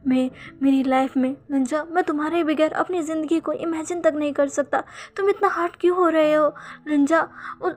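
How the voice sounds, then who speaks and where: A woman's voice: high-pitched, steady tone, normal speed, close to an everyday voice. A woman voicing a devoted young man who soothes his partner in a storybook reading, pleading and tender. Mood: tender, soothing.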